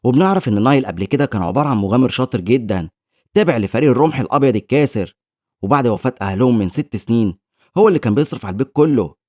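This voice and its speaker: Fast-talking Egyptian Arabic male narrator. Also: mid-range voice, animated, dark tone, dry recording, clean studio sound. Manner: rapid storytelling. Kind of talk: scripted manhwa recap narration.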